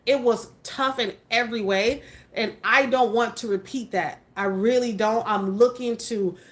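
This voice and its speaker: A woman in her late forties with a somewhat high, fairly even voice hosts a casual livestream at a measured pace. Chatty and frank, she reads out and answers viewer comments as they arrive, speaking emphatically and swearing now and then for effect.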